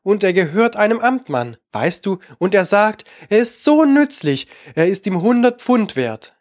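A man's voice: sits high, expressive, measured pace, dry recording, studio quality. A man voicing a polite, curious young girl who talks eagerly and coaxingly.

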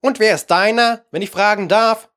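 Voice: mid-range voice, normal speed, fairly bright tone, pitched above the performer's own voice, close to an everyday voice. A reader voicing an inquisitive parrot from a storybook. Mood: curious. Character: curious talkative parrot.

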